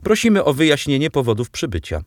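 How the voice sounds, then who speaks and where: Guy narrating a sly mocking revolution boss, mild and ironic, bit higher and louder than the narration, dry close sound. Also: wildly swooping pitch, fast talker, dry recording. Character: shrewd, mocking male revolutionary leader, middle-aged.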